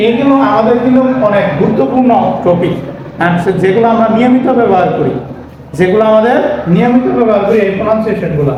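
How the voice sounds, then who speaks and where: A man's voice: sits high, fast talker, lo-fi sound. Echoey male English teacher spelling words. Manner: spells words letter by letter, asks and answers his own questions. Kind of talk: spelling-out vocabulary lesson. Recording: very echoey room, faint noise.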